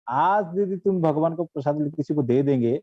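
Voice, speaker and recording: A man's voice: fairly high pitch, lively intonation, moderate pace, no room sound, voice pushed up. A man voicing a hungry village mother who pleads and scolds in a raised voice. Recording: dull, dry recording.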